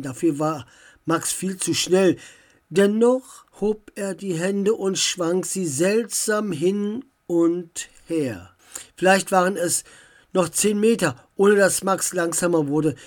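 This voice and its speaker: A storyteller reading a children's fantasy story aloud, slowly and calmly. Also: medium pitch.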